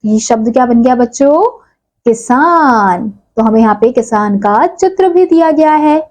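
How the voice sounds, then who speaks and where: A woman's voice: on the high side, normal speed, warm tone, poor audio. A woman teaching a primary school lesson, spelling words out sound by sound and lifting her voice on each answer.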